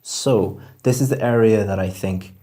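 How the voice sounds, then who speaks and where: A man's voice: fairly low pitch, measured pace, warm tone. A man giving spoken feedback on a speaking test, explaining scores in an encouraging way with frequent restarts.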